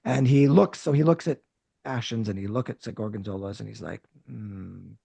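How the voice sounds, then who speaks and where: A man running a tabletop game as game master, narrating in a casual, animated way. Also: mid-range voice, fairly quick, vocal fry, breathy edge, dry recording.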